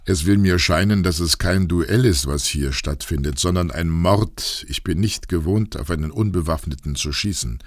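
A man voicing an embittered, vengeful male duelist in an audiobook, speaking in a measured, coldly formal way. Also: sits low, no room sound, studio quality. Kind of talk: audiobook reading.

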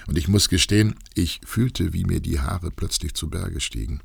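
A man's voice: deep voice, moderate pace, creaky, slightly rough, no echo, studio quality, exaggerated voice. A man voicing a troubled aristocratic count in an audiobook, telling his story in a grave, confessional way. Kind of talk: audiobook reading.

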